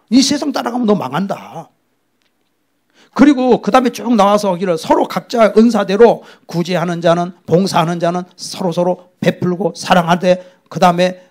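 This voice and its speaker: A middle-aged male pastor preaching with a high, lively voice that swings widely in pitch. His tone is gravelly and husky, and he tells the story dramatically, sometimes dropping to a whisper. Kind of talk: sermon.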